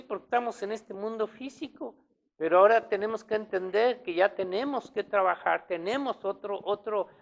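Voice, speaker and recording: A woman preaching a sermon to her congregation, emphatic and often checking in with rhetorical tag questions. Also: mid-range voice. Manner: clears throat often.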